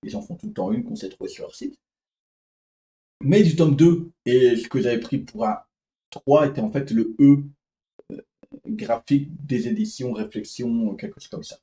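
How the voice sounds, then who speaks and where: Man, casual storytelling vlog, mellow voice, echoey room. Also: medium pitch, normal speed. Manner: rambling, hesitant, many fillers and restarts. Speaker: comics vlogger.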